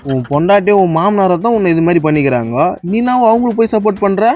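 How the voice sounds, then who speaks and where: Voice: mid-range voice, animated, fast talker, darkish tone, faint music behind, natural voice. A dubber voicing a mocking official, teasing and sarcastic in a comic fan dub. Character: mocking official addressed as sir.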